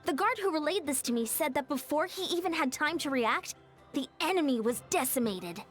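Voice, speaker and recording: A woman voicing an earnest, formal young woman war leader in a game, polite and measured. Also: high voice, animated, faint music behind. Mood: concerned. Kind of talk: game voice acting.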